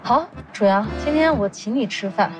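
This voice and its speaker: A woman's voice: a little high, expressive, normal speed, lightly acted. An actress in her thirties playing an exasperated, guarded professional woman in a screen drama, speaking in a reluctant, matter-of-fact way. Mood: resigned, firm. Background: background music.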